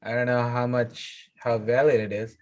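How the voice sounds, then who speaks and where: A man's voice: mid-range voice, normal speed, highs cut off. Man chatting casually on a live trading stream. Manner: relaxed, chuckling, talks over others.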